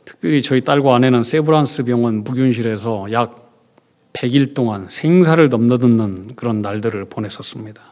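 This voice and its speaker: A middle-aged man preaching a sermon as pastor, moving between quiet, hushed confession and loud, emphatic preaching. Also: mid-range voice, a little fast. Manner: acts out prayers in a soft, hushed voice.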